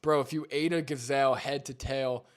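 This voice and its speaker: A young male streamer chatting live and reacting to a clip. He rambles, stacking fillers and restarts as he thinks aloud. His voice sits at an ordinary middle pitch. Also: fairly even intonation, moderate pace.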